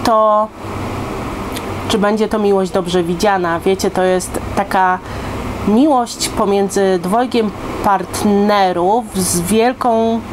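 A woman in her thirties talks casually to camera as a book reviewer. Her voice sits at an average pitch, and she keeps turning to the listener with little questions. She is recorded indoors at home, with clear ambient noise behind her. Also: fairly even intonation, slow pace. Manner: conversational, addresses listeners with frequent rhetorical check-in questions. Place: indoors, living room on a sofa.

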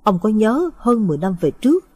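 Vengeful young male ghost, flat, unafraid, heavy-hearted, husky tone, read by a woman. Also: mid-range voice, brisk, pitched above the performer's own voice. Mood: defiant. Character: vengeful young male spirit, fearless then remorseful.

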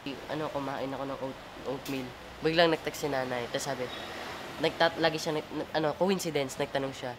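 A man's voice: medium pitch, steady tone, brisk. A man hesitantly recalling his mother in a casual interview. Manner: hesitant, with many restarts and fillers. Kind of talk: casual personal recollection. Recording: noisy ambient background, vehicle sounds.

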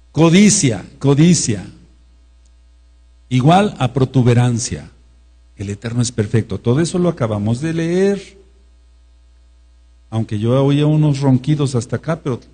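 A man's voice: mid-range voice, mellow, husky. A man with a Mexican accent teaching a sermon, repeating key words and asking his listeners questions. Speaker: preacher.

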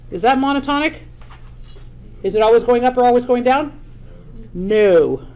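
Woman math teacher lecturing a class. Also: medium pitch. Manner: explains step by step, checks in with "okay?".

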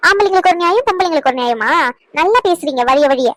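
A woman playing a quick-tempered wife who scolds her husband in a comedy skit. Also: very high voice, animated, a bit bright, no room sound. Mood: scolding. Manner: scolding, indignant, rapid-fire.

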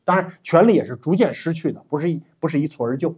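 A middle-aged man giving an animated, emphatic history lecture as a teacher, with frequent 'ah' fillers. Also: fairly high pitch, quick pace, slightly rough. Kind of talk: classroom-style history lecture.

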